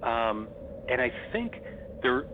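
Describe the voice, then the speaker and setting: Speaking slowly in a sing-song, medium-pitched voice, a middle-aged man who hosts horror content shares stories as an interview guest, casual and fan-eager. The line is noisy and thin, like a phone.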